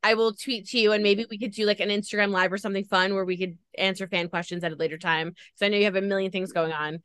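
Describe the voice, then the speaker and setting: Effusive female host, smooth resonant voice, dry recording. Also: medium pitch, fairly even intonation, quick pace, fairly bright tone, no room sound. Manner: gushing, effusive. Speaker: podcast host. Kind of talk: emotional interview chat.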